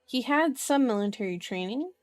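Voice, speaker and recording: A woman runs an ASMR book reading, her high-leaning voice animated and moving at a moderate pace. She blends narration with loose, chatty remarks, playfully wandering off the text.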